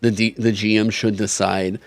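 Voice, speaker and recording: A man with a lowish voice talks through tabletop game rules in a frank, wry, casual way, filling pauses with ums. Now and then he hiccups. The sound is dry and close, with faint music underneath. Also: little pitch movement, gravelly, no echo. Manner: wry, frank, lots of fillers. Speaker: co-host reviewing a tabletop game. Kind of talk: casual podcast chat, reading rules aloud.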